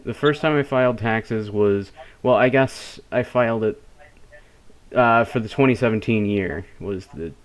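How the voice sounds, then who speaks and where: Low-voiced teenage man on a phone call. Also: a little slow. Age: late teens (19). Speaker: person receiving the phone call. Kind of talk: casual phone conversation. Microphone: telephone call.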